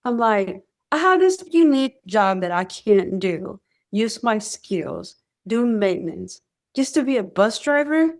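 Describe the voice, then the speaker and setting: A woman's voice: medium pitch, a little slow. Woman telling her story. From Mexico. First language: Spanish. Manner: animated storytelling, acts out quoted voices. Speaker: radar technician guest. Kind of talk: conversational interview.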